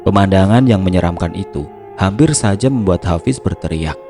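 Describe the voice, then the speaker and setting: A man narrating a horror story in a steady, hushed storytelling manner. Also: deep voice, normal speed, soft background music.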